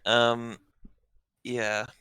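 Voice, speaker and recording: A man's voice: mid-range voice, little pitch movement, extremely slow, sharp tone, clean tone, no room sound. A man co-hosting a casual game league recap, trading easygoing banter and laughing often.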